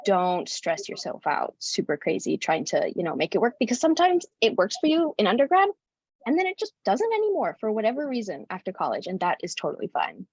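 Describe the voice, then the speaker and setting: A woman in her twenties speaking as an alumna panelist in a relaxed way, with many you-knows, over dull video call audio. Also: medium pitch, a little fast, slightly rough, no room sound. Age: 20s. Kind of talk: casual panel talk.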